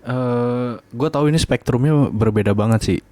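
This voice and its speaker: A man's voice: mid-range voice, normal speed, warm tone, no echo. Laid-back young man hosting a podcast. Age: 20s. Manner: laid-back, slangy, laughs easily. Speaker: podcast host. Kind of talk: casual late-night chat.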